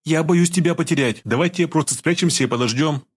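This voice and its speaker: A scared young woman pleading in a plaintive, high voice, played by a male audiobook reader. Her tone is tearful and worried throughout, storybook style. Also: quick pace, breathy edge. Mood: plaintive, fearful.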